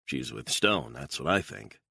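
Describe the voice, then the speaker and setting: A man doing a gruff blunt agent. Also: very deep voice, expressive, measured pace, pushed and bright, no echo, studio quality, voice pushed down, exaggerated voice. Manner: blunt, matter-of-fact. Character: gruff male intelligence officer.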